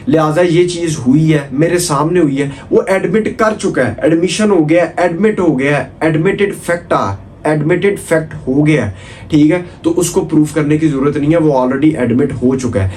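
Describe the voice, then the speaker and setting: With a fairly high pitch and darkish tone, over slight background noise, a Pakistani-accented man teaches law informally with exams in mind. He goes over points repeatedly, throws in rhetorical questions and sprinkles in English legal terminology.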